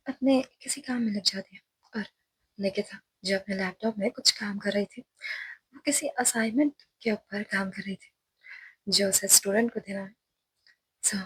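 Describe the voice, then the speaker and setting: A woman's voice: medium pitch, fairly bright tone, husky, no echo, rough recording. A woman narrating a romance story in a chatty, conversational way, adding her own comments on the characters.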